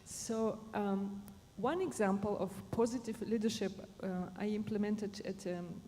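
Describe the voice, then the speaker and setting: Mellow woman from Germany, echoey hall. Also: mid-range voice. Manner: halting, searching for words. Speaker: panel speaker on positive psychology. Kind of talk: unscripted panel explanation. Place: conference stage in a large hall. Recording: echoey hall, faint background noise.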